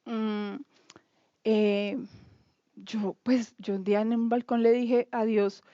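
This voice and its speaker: A woman's voice: fairly high pitch, little pitch movement, slow pace, mellow, no echo, highs cut off. A woman in her thirties from Bogotá, Colombia, with a Bogotá accent, telling her faith testimony in a candid, chatty, self-mocking way and acting out quoted dialogue. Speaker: testimony speaker. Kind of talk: casual spoken testimony.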